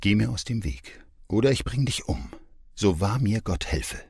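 Haggard mother, clipped and cold, slightly raised husky voice, as a male narrator puts her on. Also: fairly low pitch, lively intonation, moderate pace, a little mellow, dry recording, studio quality, voice pushed up, heavily acted. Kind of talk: audiobook character voice.

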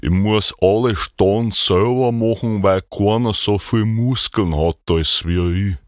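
A man's voice: on the low side, takes it slowly, no echo, studio quality. A man playing a boastful, matter-of-fact champion bodybuilder. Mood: proud.

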